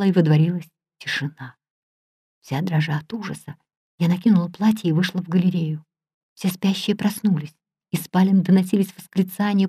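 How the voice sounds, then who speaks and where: Casting: woman audiobook narrator, expressive dramatic reading, mellow dark tone. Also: medium pitch, no room sound, studio quality. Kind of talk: scripted narration.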